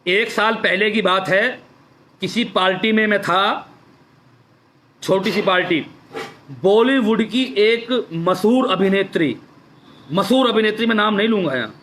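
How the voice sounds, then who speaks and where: A man's voice: sits high, measured pace, long pauses, a bit bright, a little hiss or hum. A man giving an impassioned address on a live stream, repeating his points and asking rhetorical questions. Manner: fervent, repetitive, rhetorical questions. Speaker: activist speaking on a Facebook live stream. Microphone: phone or webcam for a live stream.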